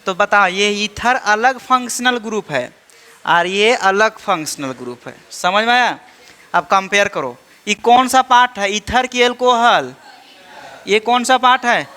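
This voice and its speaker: A man's voice: high voice, unhurried, sharp tone. A man teaching organic chemistry to a class, drilling students with repeated check-in questions and teasing them playfully. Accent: Indian. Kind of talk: classroom lecture.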